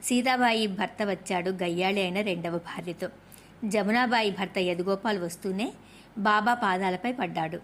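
A woman reading a devotional story aloud as scripted narration, reading steadily and softening her voice for the quoted speech. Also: medium pitch, moderate pace, slight background noise.

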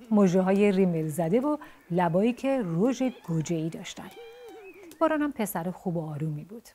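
A woman narrating a children's story in a calm, gentle storytelling manner. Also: lowish voice, a little hiss or hum.

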